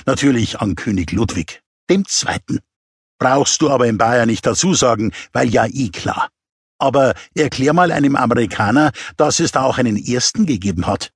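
A man's voice: mid-range voice, breathy edge, no echo, studio quality. A man narrating an audiobook in a wry, chatty storytelling manner with asides.

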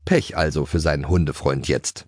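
A man narrating a children's audiobook in a playful, expressive way. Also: very deep voice, normal speed, dry recording, studio quality.

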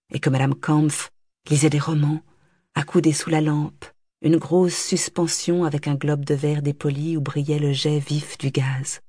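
A woman narrating a literary audiobook in a measured, expressive reading. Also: deep voice, no room sound, studio quality.

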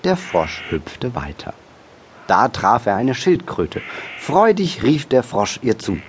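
Expressive male storybook narrator. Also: medium pitch, slow, a little hiss or hum. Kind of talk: children's audiobook narration.

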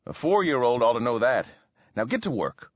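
A man's voice: medium pitch, very animated, normal speed, dry recording, highs cut off. A man voicing a firm, plainspoken frontier farmer speaking in rustic dialect.

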